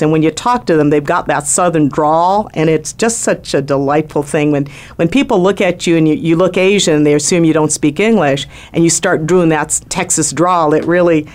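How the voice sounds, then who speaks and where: Chatty woman radio host. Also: low voice. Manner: chatty, warm personal shout-outs. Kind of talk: casual radio talk. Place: radio studio.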